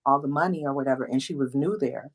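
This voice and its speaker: Low-voiced woman telling a lively story. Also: fast talker, breathy edge, low-quality recording. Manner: animated storyteller, acts out quoted voices. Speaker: host. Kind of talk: casual storytelling chat.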